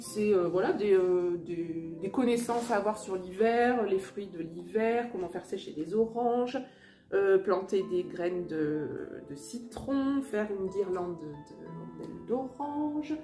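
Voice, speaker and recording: In a medium-pitched, darkish voice, a mom who vlogs walks through children's books by her fireplace at home. Her casual show-and-tell is hesitant and full of fillers and restarts, recorded with a roomy echo.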